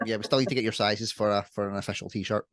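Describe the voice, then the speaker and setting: A man's voice: on the low side, fairly even intonation, fast, crowd noise. A young man co-hosting a casual podcast chat, joking and rambling with frequent laughs. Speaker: podcast co-host.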